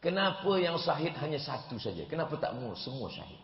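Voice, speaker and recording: A man's voice: on the high side, animated, fairly quick. A man voicing a devout grieving woman, the mother of a fallen son, retold earnestly within a sermon. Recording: echoey hall, dull sound.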